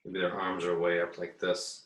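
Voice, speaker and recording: An art teacher demonstrates an assignment in a casual screen-recorded drawing tutorial, thinking aloud in an easygoing, hesitant way as he draws. His voice is low, bright, and monotone, at a moderate pace, captured by a roomy, distant mic.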